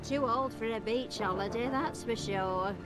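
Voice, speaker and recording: Woman playing plaintive older lady, video game character, high voice, slow, grumbling, loud music behind. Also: lightly acted. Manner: plaintive, put-upon.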